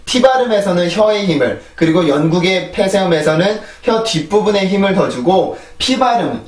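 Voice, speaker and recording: Man, pronunciation teacher, patient drill-style delivery, a bit high, echoey and off-mic. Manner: patient, repeats words in drills, asks "그죠?". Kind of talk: explaining lesson with drills. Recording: echoey room, mic at a distance.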